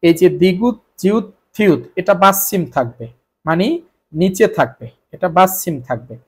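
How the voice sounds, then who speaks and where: A man's voice: high-pitched, expressive, moderate pace, husky. A Bengali-speaking man teaching Korean spelling rules, repeating each point and answering his own questions. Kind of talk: explaining grammar rules to students.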